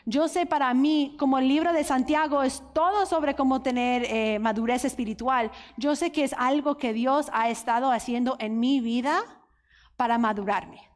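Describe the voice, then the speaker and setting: An American woman teaches the Bible at a women's conference, speaking straight to her listeners in an earnest, openly emotional way. Her voice sits high and moves at a normal speed, recorded in a reverberant hall.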